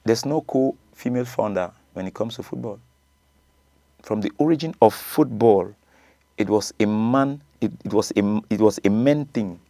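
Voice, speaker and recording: A Nigerian man with a low voice argues in a relaxed studio chat. He repeats himself for emphasis and laughs often. The sound is dry and close. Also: normal speed, dry recording. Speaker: coach and show guest. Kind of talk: casual debate.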